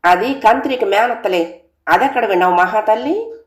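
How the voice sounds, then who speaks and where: A woman's voice: on the high side, moderate pace, pitched above the performer's own voice, lightly acted. A woman voicing an exasperated strict mother. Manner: scolding, threatening. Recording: roomy echo.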